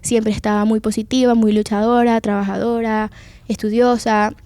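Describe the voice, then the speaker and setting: Venezuelan young woman with a dark, dry voice. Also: on the high side, level tone, normal speed, dry recording. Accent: Venezuelan Spanish. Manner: earnest, confiding storytelling. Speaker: guest giving testimony. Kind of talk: personal faith testimony.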